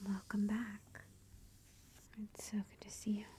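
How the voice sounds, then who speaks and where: A woman speaking softly in a hushed, breathy near-whisper, gently and unhurriedly giving an ASMR book review. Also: medium pitch, monotone, a little slow, a little hiss or hum.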